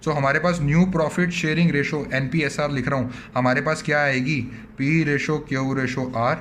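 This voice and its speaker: A man's voice: fairly high pitch, steady tone, moderate pace, a bit bright, a little hiss or hum. A man teaching an online accountancy lesson with an Indian accent, talking to his students as "बच्चों" and voicing their questions back to them. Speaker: commerce teacher.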